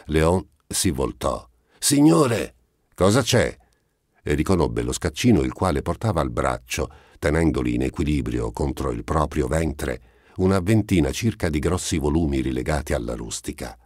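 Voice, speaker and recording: A man reading a classic novel aloud as an audiobook narrator, in a steady, measured way. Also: a bass voice, slightly rough, no echo, clean studio sound.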